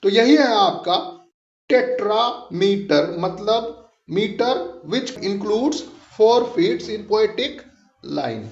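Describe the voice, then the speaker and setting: A man teaching English literature in a patient, explanatory lesson, repeating each point and slowing down for key terms. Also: sits high. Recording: roomy, dull lo-fi sound.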